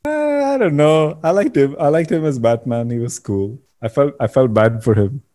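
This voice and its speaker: A man's voice: mid-range voice, lively intonation, moderate pace, mellow. A man co-hosting a podcast in casual chat, rambling and restarting his sentences. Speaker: podcast co-host.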